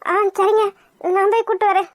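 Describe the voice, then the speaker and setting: Anxious cartoon housewife, motherly and fussing, voiced by a woman; very high pitch, dry. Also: flat delivery, a little fast, no echo. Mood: worried, caring. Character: caring middle-aged village housewife, anxious. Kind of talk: cartoon voice acting.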